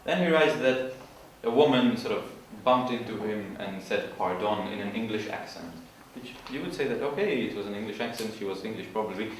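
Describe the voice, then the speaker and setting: A man giving an informal literature presentation, explaining in a halting way and searching for his words. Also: lowish voice, animated. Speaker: student presenter. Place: large room at an evening school event. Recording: echoey hall from far off, faint noise.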